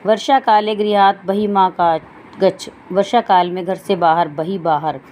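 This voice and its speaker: Woman teacher, class lesson, line-by-line explaining, even mid pitch, faint background hiss. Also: unhurried. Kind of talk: Sanskrit lesson explained in Hindi.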